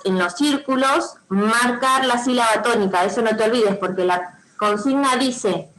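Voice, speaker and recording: Patient Rioplatense teacher on a video call. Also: female voice, fairly high pitch, a bit bright, poor audio. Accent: Rioplatense Spanish. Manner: patient, repeats instructions, checks with frequent "¿sí?". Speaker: primary school teacher. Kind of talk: online class instruction.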